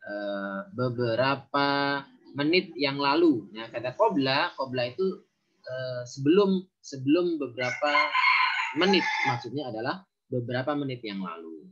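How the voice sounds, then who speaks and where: Husky-voiced man teaching Arabic grammar. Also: mid-range voice, fairly bright tone. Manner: reads Arabic phrases aloud, then explains them; frequent "ya" and "eh" fillers. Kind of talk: recorded grammar lesson. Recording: dull, lo-fi recording.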